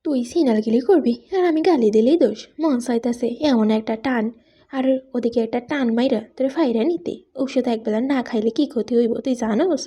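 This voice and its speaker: A woman's voice: fairly high pitch, normal speed, warm tone, husky. A woman reading the part of a blunt, foul-mouthed young husband in an audiobook, in coarse, rustic, teasing speech. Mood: scolding.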